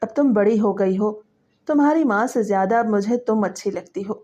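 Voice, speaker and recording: A woman voicing a predatory middle-aged stepfather who speaks softly and coaxingly, then threatens, in a dramatic story reading. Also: mid-range voice, highs cut off, lightly acted. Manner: soft coaxing voice that turns to threats.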